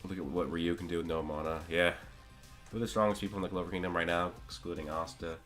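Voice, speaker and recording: A streamer talks anime with his chat, answering viewers' questions casually in a rambling way with restarts, his voice scratchy after a long day of talking. He has a low, slightly bright voice, a steady tone and a quick pace, with soft music in the background.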